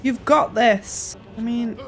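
Soft music plays behind this young woman as she gives relaxed, playful gameplay commentary, often mumbling to herself. Her voice sits on the high side with fairly even intonation and a slow pace. A game streamer, she records in a small room at home on a close desk mic, wearing a headset.

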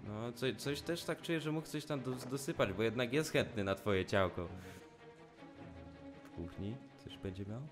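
A young man casually commenting on a video game as he plays, cracking jokes, swearing often and shouting at the screen when things get tense. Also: medium pitch, normal speed, music in the background. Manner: jokey, swears a lot, yells at the screen in tense moments. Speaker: let's play gamer. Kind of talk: casual let's play commentary.

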